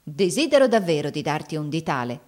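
A woman's voice: deep voice, very animated, brisk, a little mellow. Earnest little boy voiced by a woman, coaxing, lovestruck, storybook. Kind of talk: audiobook reading.

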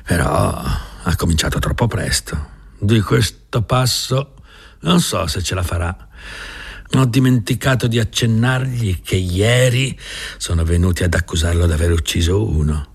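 A man's voice: sits low, animated, measured pace, vocal fry, slightly rough, exaggerated voice. A man reading an audiobook voices a worried older ranch foreman who frets and sighs. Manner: worried, sighing.

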